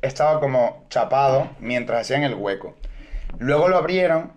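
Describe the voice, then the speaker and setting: A man's voice: medium pitch, animated, normal speed, a little mellow, highs cut off. A man with a Venezuelan accent, a podcast co-host telling a comic anecdote and acting out the people in it. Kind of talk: casual comedic storytelling.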